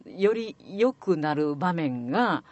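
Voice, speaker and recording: A woman with a Kyoto accent, a dialect coach, chatting lively on a radio talk show. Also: lowish voice, slow pace, no echo, lo-fi sound. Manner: lively, acts out lines in demonstration. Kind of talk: casual radio interview.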